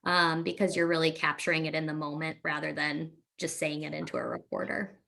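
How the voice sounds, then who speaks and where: A woman speech-language pathologist giving a webinar presentation, explaining in a relaxed way with frequent fillers. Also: deep voice, fairly quick, gravelly.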